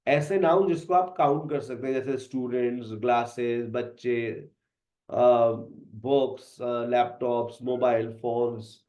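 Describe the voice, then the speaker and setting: A man's voice: mid-range voice, fairly even intonation, a little slow, dark tone, muffled recording. A man, teaching a class and repeating example phrases one after another as drills. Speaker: English teacher. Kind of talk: classroom lecture. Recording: echoey room.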